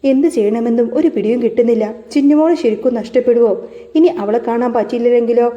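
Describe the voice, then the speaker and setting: A woman narrator telling a serial story in a soft, measured way. Her voice is very dark and mellow and sits a little high. The sound is slightly dull and lo-fi.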